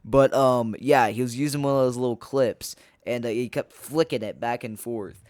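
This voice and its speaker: A man's voice: medium pitch, moderate pace, darkish tone, dry recording. A young man talking casually about the stuffed toys he made, rambling with many fillers on a small clip-on mic recorded to a phone. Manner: rambling, lots of fillers and restarts. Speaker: video creator. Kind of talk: casual commentary. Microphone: small clip-on lapel mic, recorded on a phone.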